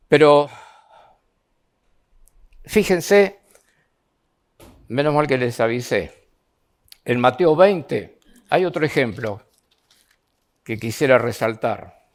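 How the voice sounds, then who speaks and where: A man with an Argentine Spanish accent preaching an earnest sermon in a church, reading scripture aloud with a rising, pleading tone. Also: mid-range voice.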